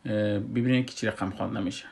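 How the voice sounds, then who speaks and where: A man with an Afghan Dari accent teaching Quran recitation rules, speaking slowly with many hesitant fillers and breaking into drawn-out chanted recitation. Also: lowish voice, fairly even intonation, gravelly, darkish tone. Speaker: tajweed teacher. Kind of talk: slow explanatory Quran recitation lesson.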